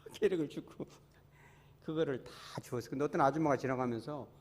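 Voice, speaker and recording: A man's voice: mid-range voice, fast talker, slightly rough. A male pastor preaching a sermon, telling a personal story with acted-out dialogue and asking the congregation questions. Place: church sanctuary. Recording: church hall with long reverb.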